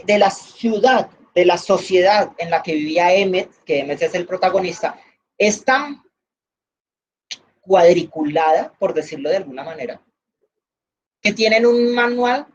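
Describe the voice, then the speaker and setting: A woman's voice: fairly low pitch, breathy edge. A woman with a Valle Colombian accent teaches an online class. She talks in a chatty way, leans on everyday examples and uses plenty of fillers. The sound is dull and lo-fi, like call audio. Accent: Valle del Cauca Colombian. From Valle del Cauca, Colombia. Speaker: instructor.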